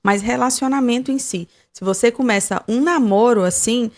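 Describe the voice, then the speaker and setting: A woman's voice: a little high, moderate pace. A woman co-hosting a podcast, explaining marriage advice in a reflective way with examples. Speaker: podcast co-host. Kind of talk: casual advice chat.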